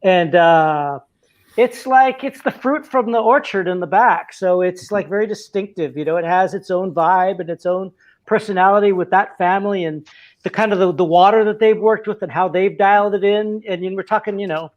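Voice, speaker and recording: A man's voice: high-pitched, moderate pace, dull audio. A man who founded a spirits brand, chatting easily in a live online talk and telling stories with some restarts. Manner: easygoing, storytelling, hesitant restarts. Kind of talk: casual live-stream chat.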